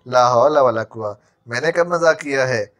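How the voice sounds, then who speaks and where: A male narrator voicing a jittery, sharp-tongued male servant who stammers when frightened. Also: mid-range voice, close to an everyday voice. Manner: stammering, quick-tongued sarcasm.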